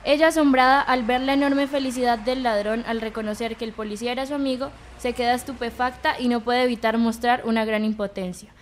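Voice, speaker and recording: A woman narrating an amateur audio story in a measured, dramatic reading voice. Her pitch is a little high, with faint background hiss. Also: steady tone.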